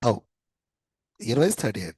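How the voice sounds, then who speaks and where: A man's voice: medium pitch, very animated, measured pace, a little mellow, husky, dry recording, rough recording. Chatty Indian man teaching a class. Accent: Indian English. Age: 30s. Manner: repetitive, chatty, often repeats phrases. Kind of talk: classroom lecture with anecdotes.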